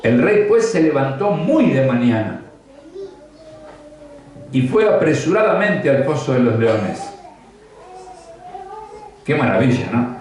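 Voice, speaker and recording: A man's voice: mid-range voice, sing-song, slow, long pauses, darkish tone. A man preaching a sermon as pastor, conversational and often asking rhetorical questions. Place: church hall. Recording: very echoey church, voice from far off.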